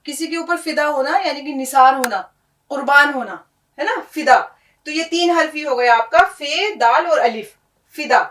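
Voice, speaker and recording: Patiently working through the alphabet letter by letter, this Urdu teacher repeats things and keeps checking with her students by asking "है ना?". Her voice is high and a bit bright, at normal speed, picked up by a distant mic in an echoey room.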